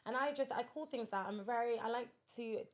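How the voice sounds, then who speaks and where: A woman's voice: fairly high pitch, fairly quick. A woman, a podcast guest, telling a personal story in a direct, earnest way in casual conversation.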